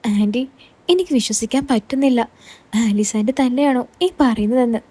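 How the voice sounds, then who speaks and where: Eager young man, gently questioning and consoling, mellow and fairly high, voiced by a woman reader. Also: fairly quick, slightly rough.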